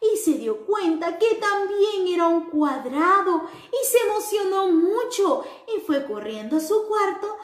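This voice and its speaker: Animated, sing-song woman teacher. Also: extremely high pitch. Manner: slow, animated and sing-song, addressing children. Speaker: preschool teacher. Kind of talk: storytelling lesson for young children. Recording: roomy echo.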